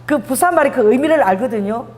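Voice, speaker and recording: A woman's voice: high-pitched, quick pace. Woman pastor w/ busan accent, preaching in a church hall, big swooping voice, long reverb. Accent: Busan dialect. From Busan, South Korea. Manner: animated storytelling, acts out dialogue, laughs often. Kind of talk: sermon. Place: church sanctuary.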